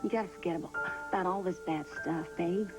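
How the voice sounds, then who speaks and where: An actress playing a down-to-earth mother who comforts her daughter in a soft, homespun way. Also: on the low side, fast talker, lightly acted, rough recording. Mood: soothing. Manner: soothing, homespun, soft-spoken. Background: faint background music.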